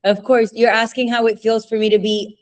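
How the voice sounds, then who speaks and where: A young woman raised in Spain chats openly as a podcast guest, giving casual interview answers, laughing often and posing questions to herself. Her voice is fairly high and level in tone, and she talks fairly quickly.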